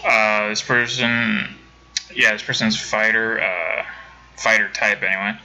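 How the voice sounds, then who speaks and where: A man's voice: lowish voice, flat delivery, measured pace, sharp tone, poor audio. A man streaming a game from home, chatting casually with viewers and rambling with many self-corrections. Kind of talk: casual let's-play commentary.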